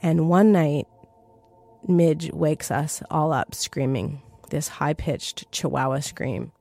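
A woman's voice: sits low, takes it slowly, creaky, mellow, soft background music. A woman telling a personal story to an audience in an earnest, vivid way.

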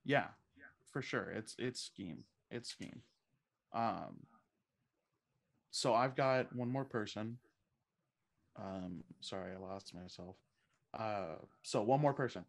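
A man's voice: on the low side, slow pace, gravelly, long pauses. A man co-hosting a fantasy football podcast in casual chat, thinking aloud and often restarting his sentences.

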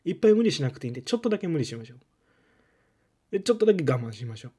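A man with a Kansai accent hosting a podcast in a casual solo talk, his voice held low and strained from a lingering cough, speaking gently with many soft fillers in a makeshift room instead of his usual studio. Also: sing-song, very fast, husky. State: strained, lowered voice from a cough illness. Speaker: podcast host.

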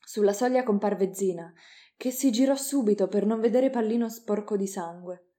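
Mellow woman narrating a dark tale. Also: medium pitch. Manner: measured, dramatic reading. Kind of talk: audiobook narration.

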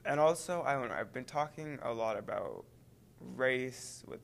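A man's voice: mid-range voice, lively intonation, normal speed, vocal fry, a little hiss or hum. A teenage boy chatting casually, rambling and hesitant with lots of fillers. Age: teens. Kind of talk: casual chat.

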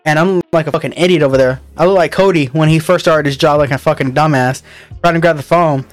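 A young man hosts a casual chat with friends, his voice sitting a little high. He rambles, restarts his sentences and swears freely as he tells stories about work. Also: quick pace, no room sound. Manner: rambling, profane, restarts often. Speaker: podcast host.

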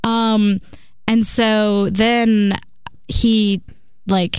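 A woman's voice: mid-range voice, flat delivery, extremely slow, clear, resonant tone. A young woman telling personal anecdotes in casual chat, giggly and self-deprecating. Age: young adult.

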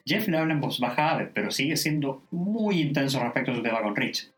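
A man casually narrating the scenes of a sitcom in a lively, amused way. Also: mid-range voice, brisk.

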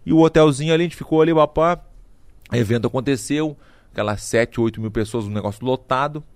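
A middle-aged Brazilian man telling a story casually, animated and slangy, acting out what people said. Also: mid-range voice, fast talker, clean tone, no echo. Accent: Brazilian Portuguese. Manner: animated, slangy, acts out quotes.

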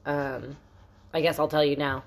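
A woman's voice: deep voice, level tone, normal speed. A middle-aged woman co-hosting a podcast, talking in a blunt, venting way and swearing freely in casual chat. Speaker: podcast co-host.

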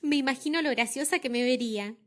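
A woman's voice: high-pitched, fast, fairly bright tone. A woman doing a kind motherly mama bear. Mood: tender. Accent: Argentine Spanish. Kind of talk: storybook read-aloud.

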